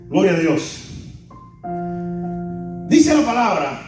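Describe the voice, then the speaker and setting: A man preaching a sermon as pastor, fervent and given to repeated refrains. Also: high voice. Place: church. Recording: echoey church hall, distant mic, guitar music.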